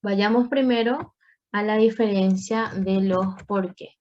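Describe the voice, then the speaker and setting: A woman's voice: mid-range voice, steady tone, slow pace, darkish tone, dull audio, slight background noise. A woman teaching a Spanish grammar class online, explaining patiently with playful asides to her students.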